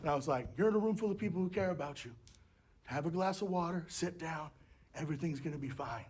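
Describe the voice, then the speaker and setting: A man doing stand-up comedy, telling stories with animated, shouted impressions. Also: a little high, fast talker, husky. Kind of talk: stand-up storytelling.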